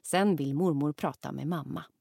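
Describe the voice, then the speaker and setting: A woman narrating a children's audiobook, reading lively and acting out the lines. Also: low voice, vocal fry, dry recording, clean studio sound. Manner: lively, acts out the characters' lines.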